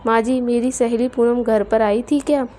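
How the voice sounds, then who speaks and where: A meek, respectful young daughter-in-law from a storybook, played by a woman narrator. She answers politely in a fairly high, mellow voice. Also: fairly even intonation, moderate pace, natural voice. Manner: polite, deferential. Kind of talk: storybook character voice.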